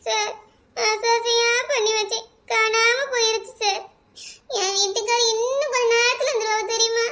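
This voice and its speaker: A woman doing a distraught young village wife in a cartoon. She has a very high, piercing voice and keeps wailing and pleading. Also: level tone, moderate pace, pushed and bright. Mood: tearful pleading. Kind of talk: cartoon voice acting.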